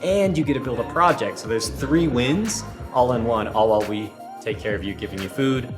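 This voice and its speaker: An upbeat young man speaks fluently, running through lists with a mid-range voice. A music bed plays clearly under him throughout. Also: mid-range voice, moderate pace. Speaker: hackathon planning team president. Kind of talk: interview explaining the event.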